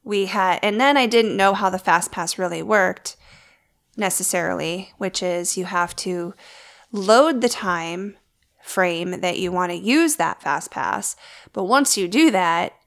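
A woman's voice: fairly low pitch, unhurried, a bit bright. Chatty woman co-hosting a podcast. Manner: chatty, explaining details. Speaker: podcast co-host. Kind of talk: casual chat.

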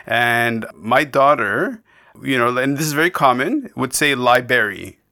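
A man's voice: medium pitch, lively intonation, unhurried, bright, forceful tone. A man from Canada hosting a podcast, chatting casually and rambling with many restarts and digressions. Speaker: podcast host. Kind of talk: casual interview chat.

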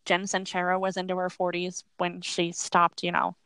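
A woman podcast host with a lowish, creaky voice and a slight wheeze from being unwell. She rambles along casually and informally, recorded close and dry. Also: monotone, moderate pace, a bit bright, dry recording. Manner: rambling, informal, laughs easily. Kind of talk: casual chat.

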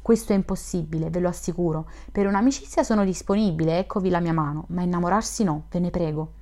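A frank, gently teasing young woman who keeps her own secrets, read by a woman. She speaks in an audiobook of a classic novel, in a lowish, unhurried voice. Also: fairly even intonation, close to an everyday voice.

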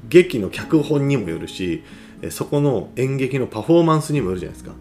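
A man giving a casual, animated talk as a play researcher, explaining ideas conversationally and often checking for agreement. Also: mid-range voice, quick pace, faint music behind. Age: adult.

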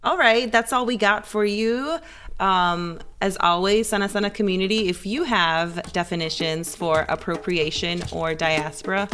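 A woman's voice: mid-range voice, moderate pace, a bit bright, smooth. A woman co-hosting a podcast, giving brief, agreeable responses and reading upbeat intros to segments. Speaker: podcast co-host. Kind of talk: casual podcast chat and scripted segment intros.

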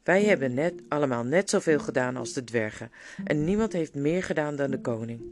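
A reader doing a slow, loyal old badger. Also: mid-range voice, close to an everyday voice. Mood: earnest. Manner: slow, calm, earnest. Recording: guitar music playing underneath.

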